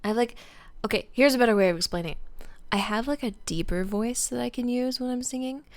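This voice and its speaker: A young woman streamer with a fairly high, slightly mellow voice talks fast in a casual live-stream chat. She rambles, full of fillers and restarts, and addresses her viewers by name.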